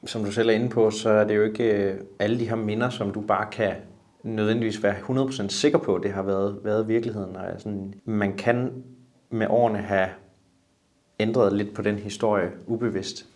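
Calm, fairly deep-voiced male interviewer. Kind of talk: interview questions.

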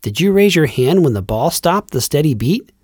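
A man's voice: a little high, big pitch swings, normal speed, darkish tone, breathy edge, no room sound, clean studio sound. A man co-hosting a children's music podcast, talking in a playful, scripted skit style.

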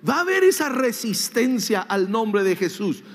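A man preaching a sermon as pastor, animated and emphatic, sometimes mimicking whiny voices and shouting for emphasis. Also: extremely high pitch, normal speed. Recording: long hall reverb.

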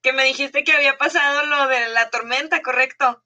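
Bright high-voiced woman host, halting. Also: fairly even intonation. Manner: halting, many restarts and fillers. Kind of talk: casual conversation.

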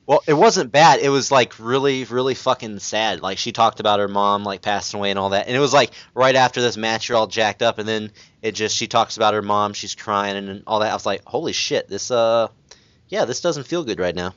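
A man's voice: fairly low pitch, steady tone, fairly quick, few pauses, fairly bright tone, dry recording, dull audio. A man hosting a casual chat podcast, swearing freely and rambling with fillers as he runs through the topics. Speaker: podcast host.

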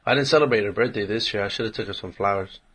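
Bright husky-voiced man in his twenties. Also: lowish voice, very fast. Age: 20s. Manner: candid, swears casually. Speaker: podcast co-host. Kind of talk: casual chat.

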